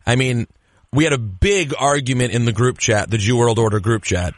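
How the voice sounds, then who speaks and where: A man hosting a podcast, talking in an animated, opinionated way in casual chat. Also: mid-range voice, normal speed, no echo, studio quality. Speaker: podcast host.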